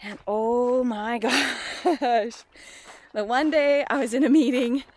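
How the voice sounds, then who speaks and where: Speaking slowly in a voice on the high side, a middle-aged vlogger chats candidly and rambles, repeatedly questioning herself with emphasis. It's recorded on a phone held at arm's length, with slight background noise.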